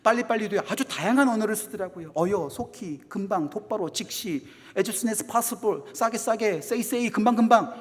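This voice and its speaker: A middle-aged Korean man preaching a sermon. He talks fast, repeats phrases for emphasis, and moves between loud exhortation and hushed asides. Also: high voice. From South Korea. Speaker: associate pastor. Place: church sanctuary. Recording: long hall reverb of a church.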